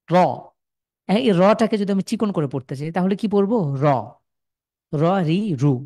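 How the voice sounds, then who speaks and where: A man's voice: a little high, mellow, dry recording, studio quality. Earnest young man teaching recitation. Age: young adult. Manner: earnest, explanatory, demonstrates pronunciation slowly. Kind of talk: online class lesson.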